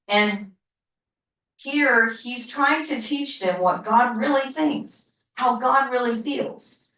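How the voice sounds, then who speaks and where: Slow, roomy woman teaching a Bible class. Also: mid-range voice, a bit bright, recorded from a distance. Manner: slow, repetitive, asks the class questions. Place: church classroom. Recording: roomy, from off mic.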